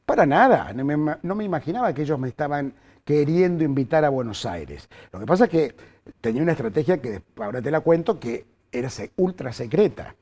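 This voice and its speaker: Fairly high in pitch and speaking a bit fast, an older journalist from Córdoba, Argentina, spins stories from his working life in an interview. His delivery is animated, with frequent filler words and restarts.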